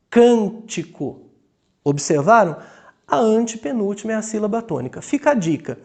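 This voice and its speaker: Slow, deliberate Brazilian male teacher. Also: high-pitched, darkish tone. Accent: Brazilian Portuguese. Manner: slow, deliberate, drawing out example words syllable by syllable; checks in with the class often. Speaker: grammar teacher. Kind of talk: video grammar lesson.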